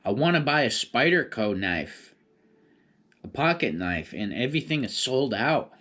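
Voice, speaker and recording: A man's voice: mid-range voice, sing-song, unhurried, pushed and bright. A man chatting casually on his own in a rambling, laid-back stoner manner. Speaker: vlogger. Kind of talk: casual solo rambling chat.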